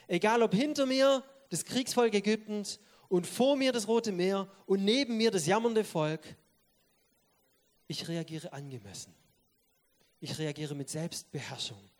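A man preaching a sermon, speaking straight to his listeners and swinging between loud stressed words and soft, quiet asides. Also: sits high. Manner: emphatic, addresses listeners directly.

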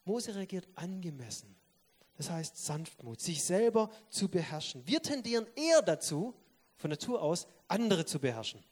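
A man with a notably high voice preaches a sermon. He talks straight to his listeners, pressing hard on key words and then dropping to soft, quiet asides. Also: sing-song, normal speed. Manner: emphatic, addresses listeners directly; swings between loud stress and quiet asides.

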